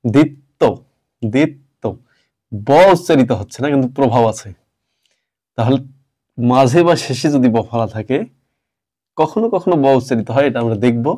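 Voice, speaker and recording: Guy teaching grammar, explains step by step, keeps quizzing the class, medium pitch. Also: a little fast, pauses often, dark tone. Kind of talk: grammar lesson.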